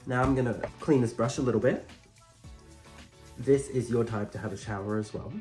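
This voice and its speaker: A man's voice: medium pitch, fairly even intonation, normal speed, darkish tone, faint music behind. A man with a campy, dryly self-deprecating drag queen delivery, chatting casually through a makeup tutorial.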